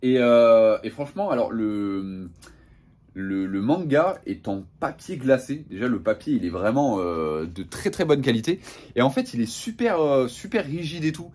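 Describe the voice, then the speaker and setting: A man's voice: mid-range voice, big pitch swings, moderate pace, a little mellow. A young man, casually showing off his latest manga purchases with lots of enthusiasm and filler words. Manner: enthusiastic, slangy, many fillers. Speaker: manga vlogger. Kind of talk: casual haul review.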